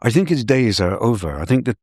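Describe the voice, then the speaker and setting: An older male scholar from New Zealand, giving measured, professorial answers in an interview. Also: medium pitch, sing-song, darkish tone, husky, no echo, studio quality. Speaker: scholar guest.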